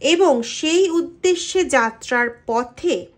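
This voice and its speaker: A woman giving a general tarot reading to her viewers, sometimes slowing into softly chanted mantras. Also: sits high, lively intonation. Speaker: tarot reader.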